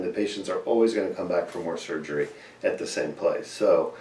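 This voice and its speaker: A man's voice: low-pitched, a little mellow. A man, a surgeon interviewing his patient and explaining procedures in plain terms to viewers. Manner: explanatory, addresses viewers directly. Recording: distant mic in echoey room.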